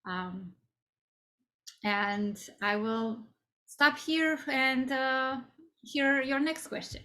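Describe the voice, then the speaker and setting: Interview guest: woman, 40s, high bright voice, chatty with many ums. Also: drawn-out words. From Romania. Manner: conversational, many fillers and restarts. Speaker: guest speaker. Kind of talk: career interview.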